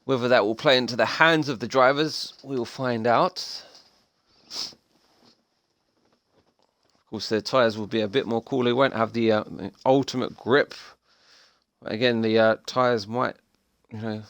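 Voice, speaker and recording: A young man commentating a sim racing league, excitable and chatty with casual slang. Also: medium pitch, normal speed, long pauses, dry recording. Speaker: race commentator.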